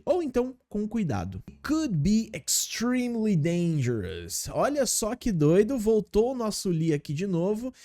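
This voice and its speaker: A man's voice: high-pitched, dark tone. A man teaching English in a casual video lesson, explaining step by step and often checking in with his viewers.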